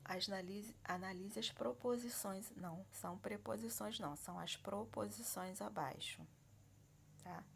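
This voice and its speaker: Gravelly-voiced woman teaching a grammar lesson. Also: mid-range voice, moderate pace, a little hiss or hum. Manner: explanatory, frequent check-ins.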